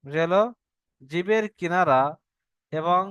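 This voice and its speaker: Man, Bengali accent, patient tajweed teacher, smooth resonant voice, dry close sound. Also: a little high, fairly bright tone, no room sound. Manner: patient, repeats each point slowly for the student. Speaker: Quran recitation teacher. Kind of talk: online tajweed lesson.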